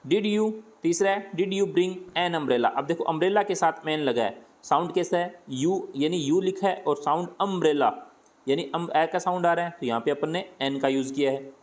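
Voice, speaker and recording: Teacher voice: man with a Hindi accent, slightly high-pitched, patient step-by-step grammar explanation. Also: moderate pace, hardly any pauses. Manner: explains step by step, asks and answers his own questions. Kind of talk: grammar lesson.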